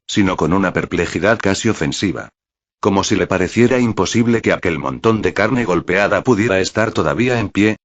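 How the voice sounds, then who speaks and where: A man narrating a fan fiction story in a measured, dramatic reading. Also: low voice, no room sound, muffled recording. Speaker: fanfic narrator.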